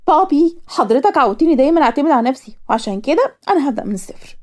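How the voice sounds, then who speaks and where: A woman voicing a gentle young woman, a devoted daughter, speaking sweetly with an Egyptian accent in a cartoon story. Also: high voice, lively intonation, racing, pitched above the performer's own voice.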